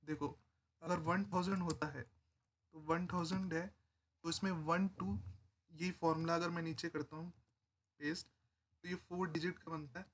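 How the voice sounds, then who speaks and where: A man's voice: fairly high pitch, little pitch movement, a little slow, long pauses. A man giving a casual, conversational Excel tutorial, explaining step by step and often checking in with the viewer. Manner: informal, conversational teaching. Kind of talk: spreadsheet tutorial narration.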